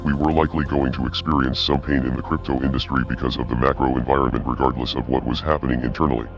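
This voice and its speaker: A man delivering a scripted video statement as an anonymous hacktivist spokesman, in a menacing, measured voice that is disguised and pitched very deep. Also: flat delivery, muffled recording. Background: music.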